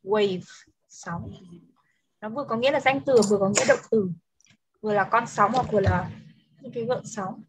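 A woman teaching an English lesson over a video call, switching between Vietnamese and English and repeating words slowly for dictation. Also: mid-range voice, a little hiss or hum, rough recording.

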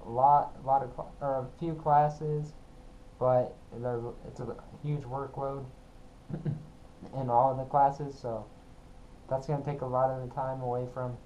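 A young adult man talking casually to a camera for his vlog, halting and apologetic as he goes. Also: mid-range voice, little pitch movement, warm tone. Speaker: vlogger. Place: small room at home. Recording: dull, muffled sound with clear background noise.

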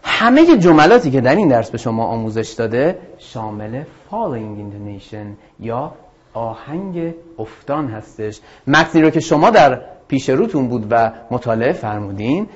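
A man's voice: medium pitch, sing-song. A man teaching an English lesson to students, explaining patiently and addressing them directly. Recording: dull lo-fi audio.

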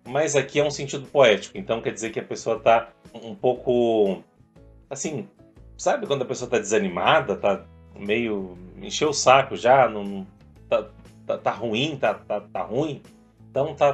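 A man teaches English through a rock song, explaining each line patiently in a voice of ordinary pitch. Now and then he stretches lyric lines out slowly as he sings them. Faint music plays behind him. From Brazil.

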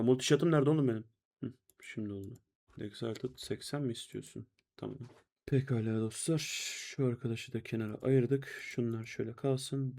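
A young man narrates his gameplay in a loose, running commentary, talking to his viewers and to himself and exclaiming when things go wrong. His voice is mellow and dark with a gravelly edge. Keyboard clicks sit behind him. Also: mid-range voice. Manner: chatty, talks to himself and viewers while playing, exclaims at deaths. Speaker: gameplay streamer. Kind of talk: casual let's-play commentary.

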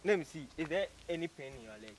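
A man's voice: a little high, lively intonation, fast talker, very noisy, natural voice. An actor playing a rude, arrogant man who mocks and insults a stranger, stammering and repeating himself as he scolds her. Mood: angry. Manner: scornful, mocking, repeats himself in stammering bursts. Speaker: actor in a short film. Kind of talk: short-film drama acting.

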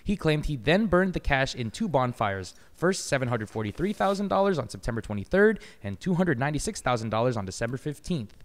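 A man on a podcast reading a news article aloud in a steady news-report cadence. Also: medium pitch, a little fast, few pauses, big-room sound.

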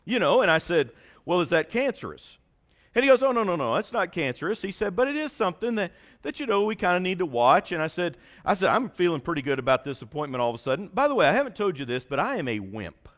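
Animated preacher telling a story. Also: male voice, sits high, quick pace, hardly any pauses. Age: 40s. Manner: animated, self-mocking storyteller with a folksy drawl. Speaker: pastor. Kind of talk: sermon storytelling. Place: church sanctuary.

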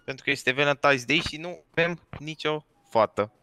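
A man in a game roleplay, talking in a flat, low-key and stubborn way. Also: clear, resonant tone, dry recording. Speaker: roleplay player. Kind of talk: casual game roleplay chat.

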